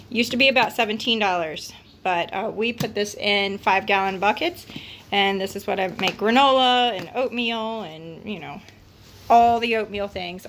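A woman's voice: mid-range voice, fairly bright tone, a little hiss or hum. A woman in her thirties, a homesteading vlogger, chatting casually through a shop-with-me grocery haul, filmed on a handheld phone in a store and then at home. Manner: chatty, price-focused, self-correcting. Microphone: handheld phone camera.

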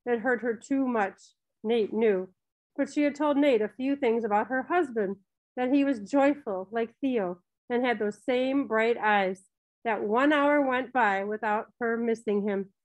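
A woman with a slightly high voice reads a children's novel aloud. Her delivery is gentle and steady, the unhurried pace of a storyteller, with a light touch when characters speak. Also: highs cut off. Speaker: audiobook narrator. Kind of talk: scripted narration of a children's novel.

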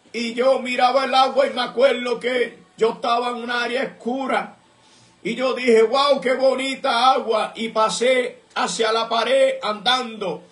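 A man's voice: very high-pitched, a bit bright, reverberant. A man giving an earnest religious testimony, telling his story with repeated recollections and bursts of praise. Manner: fervent, breaks into praise mid-story. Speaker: church member giving testimony.

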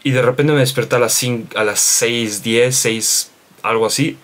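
A man's voice: medium pitch, fairly even intonation, normal speed, a bit bright. A young man talking casually to his camera in a vlog, rambling and chatty with many asides and fillers. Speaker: vlogger.

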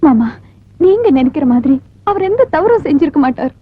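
An actress playing a young married daughter, pleading and tearful, in a film drama. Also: female voice, high-pitched, big pitch swings, brisk, phone-quality sound.

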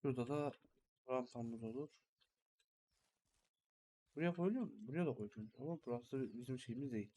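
A man's voice: mid-range voice, normal speed, long pauses, warm tone, husky. A young man hosting a gaming channel, giving rambling, think-aloud commentary while he builds in a farming game.

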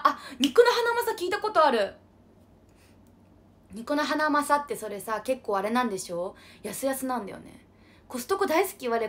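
A young woman with a fairly high, slightly bright voice hosts a casual idol livestream. Bubbly and chatty, she reads out viewer comments and refers to herself with an unusual cutesy pronoun.

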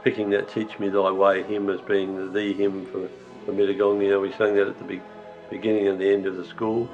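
A man's voice: on the low side, little pitch movement, a little fast, narrow, tinny audio, soft background music. A man reflecting on a cherished hymn.

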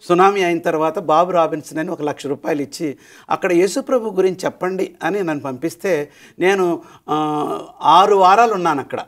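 A middle-aged man teaching in a Bible study discussion, telling the story with animation and dropping English phrases into his talk. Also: sits high.

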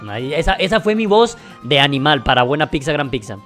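Excitable young gamer guy reacting. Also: a little high, fairly quick, soft background music. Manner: excitable, talks straight to viewers. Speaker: gaming video creator. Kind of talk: casual gameplay reaction commentary.

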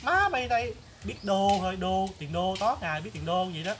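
A man's voice: high voice, expressive, brisk, slight background noise. A man playing a chatty, nosy older village flower seller woman with a Southern Vietnamese accent, exclamatory and gossipy in a comedy skit. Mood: folksy, chatty. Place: outdoors in a palm garden. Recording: loud background music.

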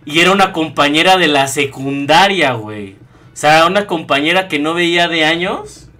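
A young man with a Mexican Spanish accent chats casually as a streamer, his stories animated and full of slang and swearing. His voice sits a bit high and sounds bright and forceful. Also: normal speed. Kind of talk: casual storytelling chat.

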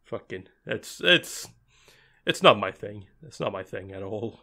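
Sarcastic podcast guy, bright voice, casual chatty. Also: lowish voice, creaky. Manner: sarcastic, swears, mimics characters. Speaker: podcast co-host. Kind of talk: casual chat.

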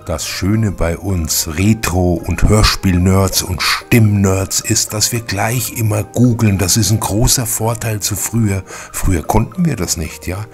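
A channel host with a fairly low-pitched voice gives casual, enthusiastic fan commentary, chatting to viewers and tossing in little tag questions. He speaks a little slowly with few pauses, and faint music plays behind him.

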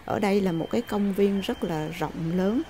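Give me a woman narrating a casual vlog, filler-heavy, with a mellow, fry-tinged voice. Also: mid-range voice, moderate pace, slight background noise. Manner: chatty, filler-heavy, exclaims at scenery. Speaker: vlogger. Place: outdoors in a snowy park, then at home.

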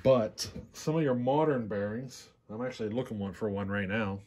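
Speaking at normal speed in a fairly low, mellow and slightly rough voice, a man demonstrates a chainsaw repair at his workshop bench. He hosts a repair channel and talks plainly and unhurriedly, regularly asking "see how".

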